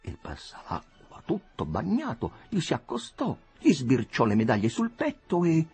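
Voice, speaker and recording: Brief: male storyteller, husky and raspy, voice rising and falling dramatically, soft music underneath. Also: medium pitch, moderate pace. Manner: expressive, theatrical reading. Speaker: narrator. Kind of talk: dramatic audiobook reading.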